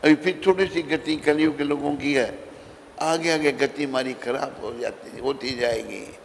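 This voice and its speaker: A man preaching a devotional sermon at an unhurried, deliberate pace. His voice is gravelly and edged with fry, and he tells the story in dialogue. A long hall reverb and faint background noise surround him. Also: mid-range voice. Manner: storytelling, acts out dialogue with raised voice. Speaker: swami giving a devotional lecture.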